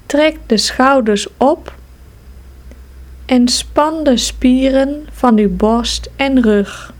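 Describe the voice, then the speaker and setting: Calm and soothing, a woman with a slightly high voice talks listeners through progressive muscle relaxation. She speaks very slowly and lets long pauses settle between her instructions.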